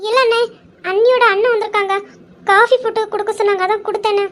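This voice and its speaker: A woman voicing a meek, timid young sister who answers softly and hesitantly in a home-made audio drama. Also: very high voice, fairly even intonation, fast. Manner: soft, hesitant, obliging.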